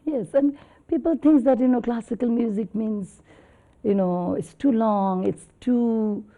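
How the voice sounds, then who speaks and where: A woman's voice: on the high side, unhurried, mellow, low-quality recording. A woman in her fifties, a classical singer talking earnestly in an interview with loose, rambling phrasing. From Bangladesh. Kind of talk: conversational interview.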